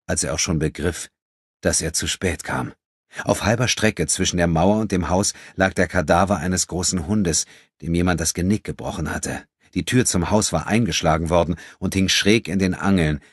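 A man with a very low, husky voice reads an audiobook in a steady, measured way. The sound is dry and close, with no room around it. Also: no echo. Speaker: audiobook narrator. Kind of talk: scripted narration.

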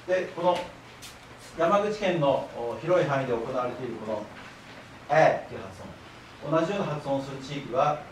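A man's voice: mid-range voice, expressive, a little fast. A man giving a public lecture, explaining patiently and having the audience repeat words after him. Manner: patient explanatory, leads audience call-and-response. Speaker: lecturer, library director. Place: echoey lecture hall. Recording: very echoey hall, voice from far off, faint hiss.

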